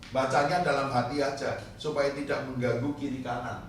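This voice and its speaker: A middle-aged male pastor preaching an impassioned sermon, sometimes dropping to hushed tones and sometimes crying out loudly. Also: level tone, fairly quick. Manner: impassioned, swings from low hushed tones to loud cries. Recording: echoey hall from far off, faint noise.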